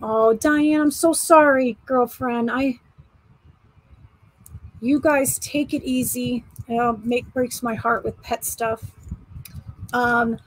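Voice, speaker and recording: A woman in her forties with a high, breathy, slightly husky voice hosts a live online auction. She talks in an unhurried, easygoing way, laughing often and calling out to viewers by name as she holds up each piece. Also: fairly even intonation, no echo, rough recording. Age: 40s. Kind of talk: casual live-stream selling chat.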